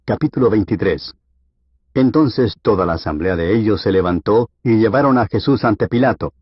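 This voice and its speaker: A man reading scripture aloud for an audiobook in a steady, measured way. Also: fairly low pitch, slightly rough, no room sound. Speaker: Bible reader. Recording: dull, lo-fi dry recording.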